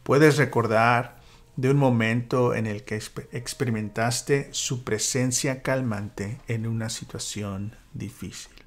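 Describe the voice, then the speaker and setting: A man leading a church small-group Bible study, speaking reflectively with fillers and dropping into a whisper for calm moments. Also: medium pitch, slow pace. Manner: reflective, with many fillers and soft whispered asides.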